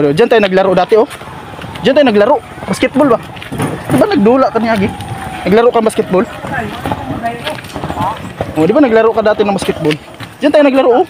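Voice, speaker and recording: A man with a fairly high voice and an Agusan del Sur accent hosts a casual walking vlog. He coaxes his companion in a gentle, repetitive way, recorded outdoors with a faint hum of street ambience behind him. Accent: Agusan del Sur Filipino. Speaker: vlogger host.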